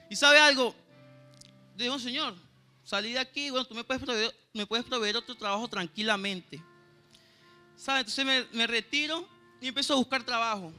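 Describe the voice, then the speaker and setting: A man's voice: very high-pitched, bright, forceful tone. A man with a Venezuelan Spanish accent preaching a sermon and sharing a personal testimony, earnestly and often stopping to ask his listeners if they know. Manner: earnest, keeps asking "¿sabe, hermano?". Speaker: church pianist preaching.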